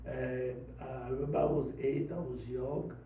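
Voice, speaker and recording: A man in his fifties from Congo, a pastor and podcast host, telling his life story slowly and hesitantly, with many pauses and fillers. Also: medium pitch, little pitch movement, mellow, reverberant, distant mic, a little hiss or hum, low-quality recording. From Democratic Republic of the Congo. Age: 50s. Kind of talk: personal testimony talk.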